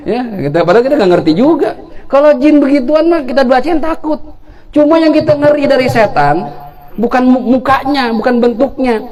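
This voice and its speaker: A man's voice: very high-pitched, darkish tone. A man giving an Islamic sermon, telling stories animatedly and acting out the dialogue with jokes. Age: 40s. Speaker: preacher. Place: event hall.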